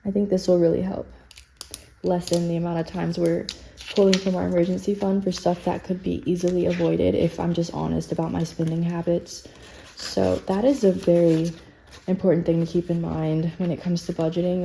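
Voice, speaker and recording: A woman's voice: lowish voice, level tone, brisk, vocal fry, warm tone, a little hiss or hum, poor audio. A woman, slightly out of breath, chatting casually and self-deprecatingly as she stuffs cash into budget envelopes. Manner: chatty, self-deprecating, counts bills under her breath. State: a little out of breath. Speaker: budgeting vlogger.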